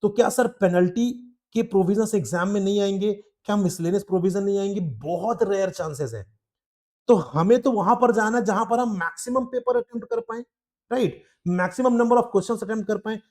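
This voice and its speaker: A man's voice: high-pitched, expressive, a little fast, a little mellow. A man tutoring law exam students, explaining strategy in a direct, advising way and often checking in with "okay?". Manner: explains in Hindi mixed with English, asks "ठीक है?" often.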